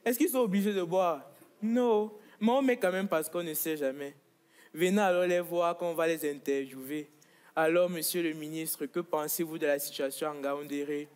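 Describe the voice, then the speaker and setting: A man's voice: on the high side, moderate pace, darkish tone, clear, resonant tone. A man from Congo performing stand-up comedy on a stage, with a playful, boastful delivery. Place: comedy stage with live audience.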